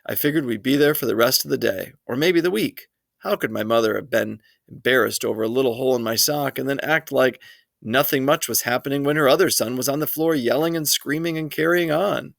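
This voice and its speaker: A man reads a children's chapter book aloud in steady first-person storytelling. His middle-pitched voice has a gravelly, creaky texture, and the sound is dry and close with no room echo. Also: brisk. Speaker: reader.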